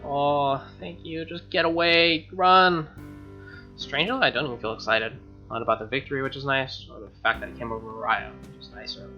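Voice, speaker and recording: This gaming video host narrates a visual novel aloud, with casual commentary full of snark and profanity. He speaks fairly quickly at a medium pitch and a steady tone. A dull lo-fi mic captures him over guitar-laced game music.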